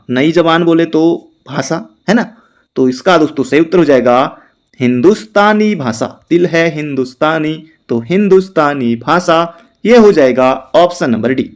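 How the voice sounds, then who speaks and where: A young man teaching an exam quiz lesson. He reads each question slowly and explains the answers in quick bursts, calling his listeners friends all the time. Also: a little high.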